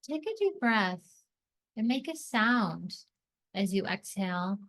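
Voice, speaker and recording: A woman with an average female pitch slowly narrates a guided meditation, giving scripted, soothing instructions in short, deliberate phrases with space between them. Her delivery is animated and her tone fairly bright.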